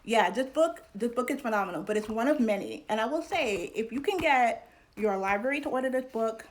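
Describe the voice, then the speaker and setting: A young adult woman from New York, hosting a casual educational talk to camera in an animated, chatty way with fillers. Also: on the high side, fairly quick. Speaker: channel host.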